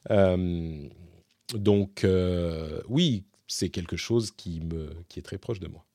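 Low, mellow-voiced man answering questions. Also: takes it slowly, no echo, studio quality. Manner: hesitant, thinks aloud, self-correcting. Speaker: podcast host answering listener questions. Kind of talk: casual Q&A monologue.

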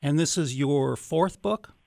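Guy hosting a radio interview, creaky voice, kinda halting and thoughtful, very dry sound. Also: a little high, dark tone, no room sound. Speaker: radio show host.

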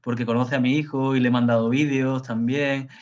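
Man from spain, professor guest, mid-pitched voice, emphatic and repetitive, muffled lo-fi sound. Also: level tone, brisk, darkish tone. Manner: emphatic, repeats words for stress. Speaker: university professor, interview guest. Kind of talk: conversational interview. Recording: dull lo-fi audio.

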